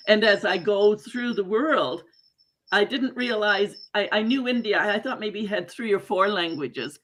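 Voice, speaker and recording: Interview host: woman, mid-range voice, conversational, expressive, given to exclaiming and paraphrasing. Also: medium pitch, measured pace.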